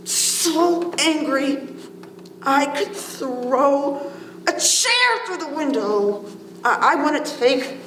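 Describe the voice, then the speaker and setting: Venting angry woman, played by an actress, high, slow, far mic, faint noise. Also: exaggerated voice. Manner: building rage with wry laughter. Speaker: stage actor. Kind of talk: theatrical monologue. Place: theater stage. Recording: echoey stage from a distant mic with faint noise.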